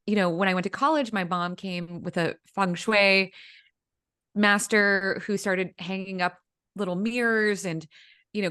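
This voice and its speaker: A chatty woman in her thirties, a native Vietnamese speaker, appears as a guest on a casual interview, where she works as an executive coach. Her medium-pitched voice is a bit bright, clear, and resonant, and she often drops in fillers like "um" and "you know."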